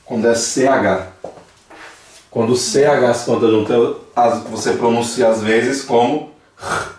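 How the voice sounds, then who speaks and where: A Brazilian man teaches a language class, patiently saying each word slowly and repeating it for his students. His voice is mid-pitched and reaches the mic from across the room. The sound bounces around a big echoey church hall, with faint noise behind him. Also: fairly even intonation, a little mellow, distant mic. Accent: Brazilian Portuguese.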